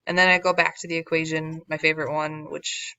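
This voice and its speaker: Speaking fairly quickly in a low, bright, forceful voice with little pitch movement, a woman math teacher tackles a word problem in a recorded lesson. She keeps it casual and wry, with self-deprecating jokes, though she's losing her voice. The lo-fi audio is dull and dry.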